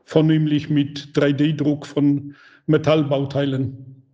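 A man's voice: on the high side, level tone, slow, mellow, highs cut off. A middle-aged man, a professor and institute director, speaking as a guest over a remote line, hesitant with many filler sounds. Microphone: remote connection.

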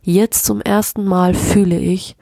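A woman hosting a solo podcast, speaking openly and reflectively about her feelings after crying, her nose a little stuffy, sometimes dropping into soft whispers. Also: mid-range voice, flat delivery, measured pace, vocal fry, no room sound. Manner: open, emotional, self-reflective, drifting into soft whispers. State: teary, slightly stuffy nose. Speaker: podcast host. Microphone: plug-in microphone, close.

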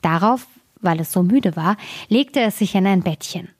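A woman storyteller reading a fairy tale aloud in a calm, measured way. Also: medium pitch, husky, dry recording, studio quality.

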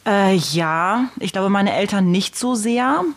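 A woman's voice: mid-range voice, animated, slow. A woman co-hosting a podcast, introducing a guest in a cheerful, teasing way. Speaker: podcast co-host. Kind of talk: casual chat, introducing a guest.

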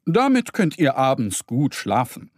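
A man's voice: medium pitch, wildly swooping pitch, measured pace, no room sound, studio quality. A man voicing an enthusiastic stag pharmacist who explains herbal medicine in a children's story. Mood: hearty. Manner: hearty, explaining.

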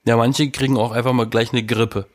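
Man, has a cold, sore throat, casual joking chat, mid pitch. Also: a little fast. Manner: joking, animated storytelling.

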